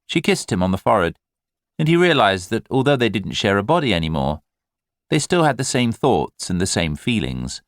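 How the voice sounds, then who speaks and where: In a very dry recording with no room sound, a man narrates literary fiction from a script. He speaks in a fairly low register, measured yet expressive, his intonation very lively.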